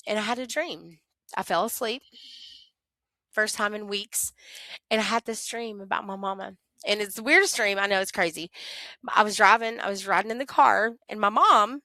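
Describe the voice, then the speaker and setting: Middle-aged woman, guest recounting her life candidly, bright tone, expressive, dry close recording. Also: mid-range voice, dry recording. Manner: animated, expressive, talks to herself in quoted prayers. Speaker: interview guest. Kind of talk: candid conversational storytelling.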